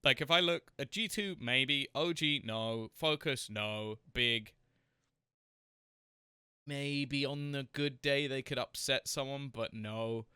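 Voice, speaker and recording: A man's voice: mid-range voice, slow, bright, forceful tone, clear, resonant tone, no echo, clean studio sound. A man hosting a casual esports podcast, thinking aloud with hesitant word repeats. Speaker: podcast host.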